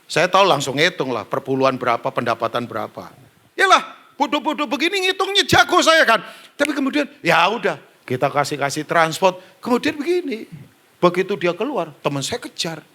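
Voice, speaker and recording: A man's voice: high voice, a little fast. A middle-aged Indonesian-accented male pastor preaching a storytelling sermon, joking and acting out conversations with his congregation. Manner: animated, joking, acts out dialogue, talks to the band and congregation.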